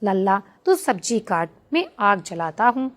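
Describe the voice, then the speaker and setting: A woman's voice: medium pitch, big pitch swings, a little slow. A woman voicing a hearty, bossy elder brother god who talks in a blunt, rustic, grumbling way. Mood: resigned.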